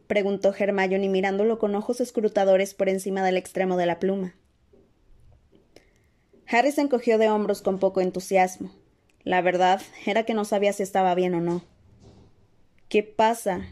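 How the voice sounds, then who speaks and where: A woman narrating a novel as an audiobook reader, in a steady, expressive storytelling manner. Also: medium pitch.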